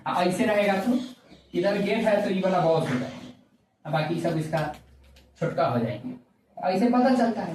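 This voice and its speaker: A man's voice: sits high, mellow. Man lecturing, roomy. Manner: drills facts by asking and answering his own questions. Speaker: history teacher. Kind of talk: classroom lecture with repeated questions and answers. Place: classroom with a whiteboard. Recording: roomy sound from a distant mic with faint background noise.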